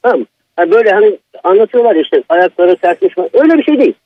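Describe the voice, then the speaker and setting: A man's voice: high-pitched, expressive, very fast, no echo, phone-quality sound. A man calling in to tell a personal horror story, in an agitated, emphatic manner. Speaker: caller.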